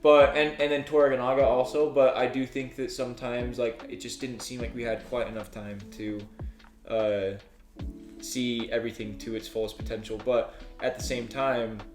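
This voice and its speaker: A young man talks through his rankings in a loose, rambling way, circling back and restarting his sentences. His voice sits at an ordinary middle pitch. The room is roomy and echoey, and soft music plays underneath. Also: level tone, normal speed. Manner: rambling, many restarts and fillers. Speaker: co-host ranking shows. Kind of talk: casual group chat. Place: living room couch with friends.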